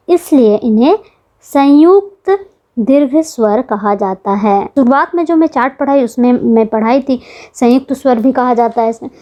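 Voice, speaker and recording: A woman's voice: sits high, dark tone. A woman teaching an exam-prep grammar lesson, patiently repeating key points and asking the class questions.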